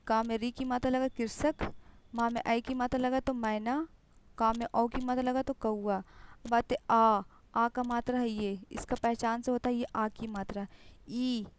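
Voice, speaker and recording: A woman's voice: a little high, a little hiss or hum, low-quality recording. A woman teacher explaining grammar patiently to young children, repeating sounds and examples. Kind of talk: online Hindi grammar lesson for young children.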